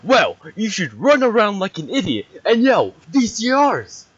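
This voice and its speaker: A woman's voice: mid-range voice, very animated, a little slow, husky. A woman putting on a salesy, pleading male announcer who begs for support. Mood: pitching. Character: cheesy male channel promo announcer. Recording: dull, lo-fi, from off mic.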